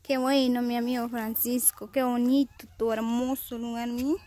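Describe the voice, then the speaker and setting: High-pitched Guatemalan woman vlogging outdoors. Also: level tone, moderate pace, mellow. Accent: Guatemalan Spanish. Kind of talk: casual vlog chat and informal interviewing. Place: outdoors in a rural hillside yard. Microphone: handheld phone behind the camera. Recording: noisy outdoor phone recording.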